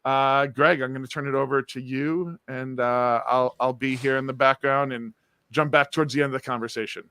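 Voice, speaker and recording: A man's voice: medium pitch, fairly even intonation, normal speed, sharp tone, clear, resonant tone, no room sound. A man hosting an online accelerator session, upbeat and leaning on frequent filler sounds. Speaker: host. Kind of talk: livestream session host.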